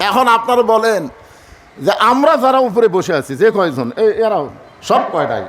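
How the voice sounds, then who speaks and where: A man's voice: sits high, big pitch swings, normal speed, fairly bright tone. A man preaching a sermon, emphatic and calling on the crowd to answer, sometimes breaking into sung verse. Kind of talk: sermon at a religious gathering.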